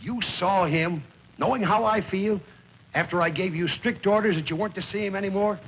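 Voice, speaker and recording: A man's voice: sits high, a little fast, fairly bright tone, a little hiss or hum, low-quality recording. An actor playing a domineering middle-aged husband and father who talks harshly in a 1950s television drama. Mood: angry.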